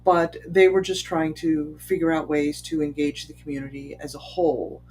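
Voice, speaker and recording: A commentator talks through the topic off the cuff at a middling pitch, posing one rhetorical question after another. Phrases often restart, with plenty of ums along the way. A faint hum sits under the voice. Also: little pitch movement, moderate pace, darkish tone. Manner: conversational, asks many rhetorical questions. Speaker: commentator on bias. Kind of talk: unscripted spoken commentary. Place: Chicago area.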